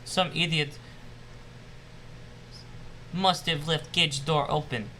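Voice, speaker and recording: A man's voice: a little high, steady tone, slow, bright, forceful tone, slight background noise. A man voicing a bitter, obsessive male scientist losing his mind, ranting and paranoid in a put-on Russian accent. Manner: ranting, paranoid, self-pitying.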